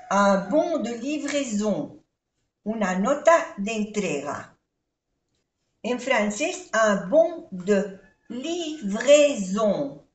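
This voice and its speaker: A woman's voice: medium pitch, a little mellow. An older woman teaching a language lesson, patiently repeating examples and spelling out sounds. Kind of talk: slow, clear language lesson. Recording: echoey room.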